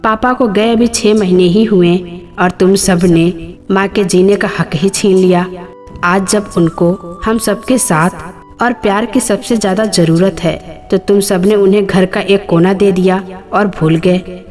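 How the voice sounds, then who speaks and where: A woman's voice: mid-range voice, fairly even intonation, measured pace, a little mellow, faint music behind, natural voice. A woman voicing an indignant grown daughter who scolds her brothers. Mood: angry.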